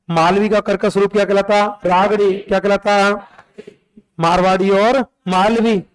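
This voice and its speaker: A man, lecturing a class in an exam-prep style. He fires short questions and has the answers repeated back in a steady drill. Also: high voice, clear, resonant tone. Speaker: teacher.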